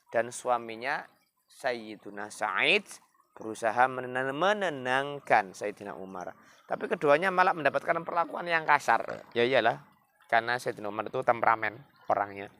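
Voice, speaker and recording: A man's voice: mid-range voice, a bit bright. A man telling a story for children in a chatty, loose way with many asides. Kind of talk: casual storytelling for kids.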